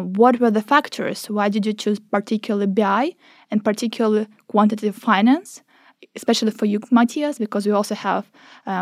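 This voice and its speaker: A young woman from Ukraine hosting a podcast in a studio, asking clear, friendly questions. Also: mid-range voice, no echo. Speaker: podcast host. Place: small studio.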